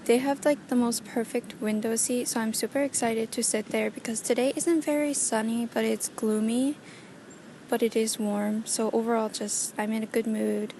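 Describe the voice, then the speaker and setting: Higher-voiced woman vlogging on an earbuds mic. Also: steady tone, normal speed, dark tone. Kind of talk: casual vlog chat. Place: outdoors in a park. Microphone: earbuds headset mic. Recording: earbud mic outdoors with background noise.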